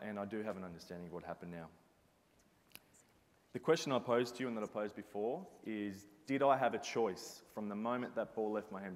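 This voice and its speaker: A man giving an earnest, reflective motivational talk as a former basketball captain. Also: lowish voice. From Australia. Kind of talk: motivational presentation. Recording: reverberant hall sound.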